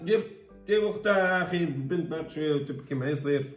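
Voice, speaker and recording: A man's voice: on the high side, racing. A man hosting a video reaction, talking playfully and teasing with frequent laughs. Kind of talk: casual reaction commentary. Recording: roomy sound with background music.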